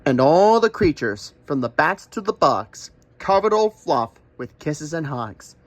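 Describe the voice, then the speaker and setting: A man's voice: a little high, big pitch swings, measured pace. Playful sing-song man reading aloud. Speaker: storyteller. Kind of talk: rhyming picture-book read-aloud.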